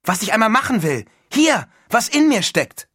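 A man reading an audiobook and voicing an impulsive, enthusiastic teenage boy, speaking loudly and emphatically in a husky voice. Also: sits high, lively intonation, fairly quick, dry recording, clean studio sound, voice pushed up, exaggerated voice. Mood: excited. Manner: loud and emphatic, swept up in enthusiasm. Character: eager excited teenage boy, impulsive dreamer.

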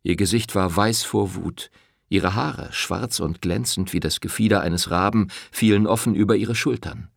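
A man narrating an audiobook with expressive storytelling. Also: on the low side, moderate pace, creaky, dry recording, clean studio sound.

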